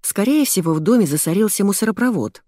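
A woman's voice: mid-range voice, animated, fast, warm tone, no echo, clean studio sound. A woman reading first-person narration in an audiobook with a wry, conversational manner.

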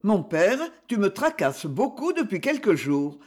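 An earnest young man states his mind firmly, as a male reader voices him. His speech is slow and his pitch is lively. The storybook tone stays sincere. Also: exaggerated voice.

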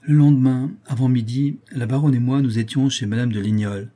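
A man narrating a classic novel as an audiobook in a measured literary reading. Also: mid-range voice, fairly even intonation, dark tone. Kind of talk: scripted narration.

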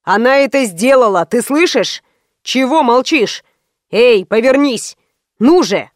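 A woman's voice: fairly high pitch, animated, unhurried, no room sound, clean studio sound. A woman voicing a smug, lazy man of about forty who runs a gang, drawling and then shrieking. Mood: gleeful shouting.

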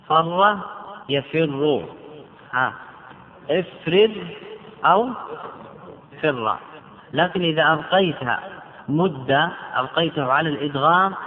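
Teacher man in a phone-like hall. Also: fairly high pitch. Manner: slow, drawn-out example words, repeated for drilling. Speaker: grammar teacher. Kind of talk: classroom lesson on grammar.

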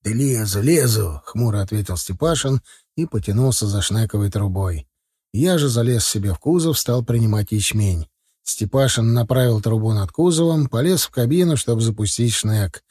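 Husky, dark-voiced male audiobook narrator. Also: fairly low pitch, normal speed, no room sound, clean studio sound. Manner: steady storytelling, first person.

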